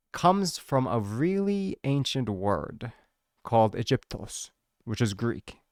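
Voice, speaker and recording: Man, casual educational talk, fairly low voice, dry close sound, chatty explainer. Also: clear, resonant tone, no echo. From United States. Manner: chatty, explanatory, drawn-out emphasis on key words. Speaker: host explaining his church's history.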